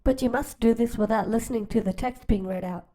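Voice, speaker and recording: A woman hosting a storytime channel reads a picture book aloud, pausing for gentle, teacher-like questions to young listeners. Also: a little high. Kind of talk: children's read-aloud storytelling.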